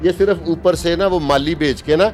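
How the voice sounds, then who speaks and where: A man's voice: a little high, a little mellow. Opinionated Pakistani man in his fifties. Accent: Pakistani Urdu. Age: 50s. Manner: emphatic, opinionated, slows down to stress points. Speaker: journalist guest. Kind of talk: interview talk.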